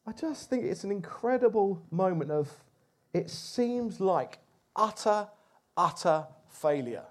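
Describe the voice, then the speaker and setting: Male preacher, high-pitched, expressive sermon storytelling. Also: takes it slowly. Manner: expressive, animated, with rising emphasis.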